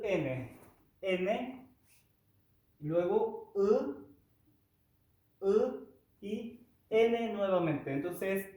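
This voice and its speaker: A man, a native Korean speaker, teaching a language lesson slowly and deliberately, pausing and hesitating often. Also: high-pitched, warm tone. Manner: slow, deliberate, with many pauses and hesitations. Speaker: Korean language and taekwondo instructor. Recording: roomy echo, voice from far off.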